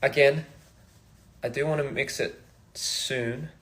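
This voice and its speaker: Young guy from australia on a live stream, soft and rambly, normal mid voice. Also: mid-range voice, steady tone, slow. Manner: soft-spoken, reflective, rambling. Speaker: musician livestream host. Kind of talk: casual livestream chat. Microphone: phone livestream.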